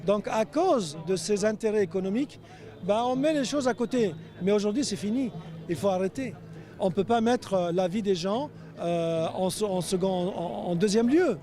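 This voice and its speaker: A man speaks at an outdoor rally in a hesitant but insistent way, stopping often to hunt for words. His voice is high and mellow. Faint music is heard behind him. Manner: hesitant, many "euh" pauses, insistent. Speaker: protester. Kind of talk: street interview statement. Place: outdoors on a city street.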